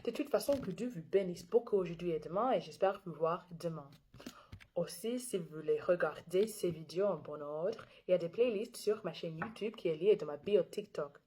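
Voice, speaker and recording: A young woman reading scripture aloud in French with an English-speaking learner's accent. She reads carefully, halting and correcting herself. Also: fairly low pitch, mellow, slight background noise. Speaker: Bible reader and video creator.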